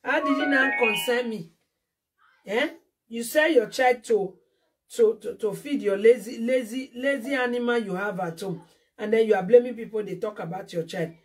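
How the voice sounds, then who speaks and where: A woman's voice: a little high, moderate pace, a little mellow, distant mic, slight background noise. A woman with a Nigerian accent ranting angrily on a phone live stream, scolding and repeating herself. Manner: confrontational, scolding, repetitive. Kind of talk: angry live-stream rant.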